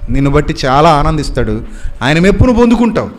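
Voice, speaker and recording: A man's voice: on the high side, very animated, fast talker. A male preacher delivering a sermon, admonishing his listeners with many rhetorical questions.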